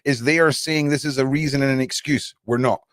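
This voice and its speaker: A man hosting a casual live discussion, explaining his points haltingly with repeated words. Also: mid-range voice, steady tone, fairly bright tone, dry recording, clean studio sound.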